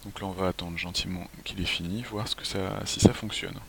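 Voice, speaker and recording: A man presenting a software tutorial as a screencast walkthrough, relaxed, often clearing his throat and restarting phrases. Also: deep voice, fairly quick. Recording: faint hiss.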